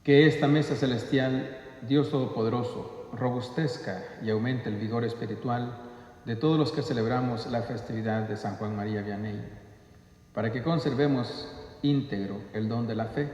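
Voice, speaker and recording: A man's voice: medium pitch, normal speed, darkish tone, muffled recording. A man leading Mass as priest, solemnly intoning liturgical prayers with a cathedral echo. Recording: long echoing church reverb.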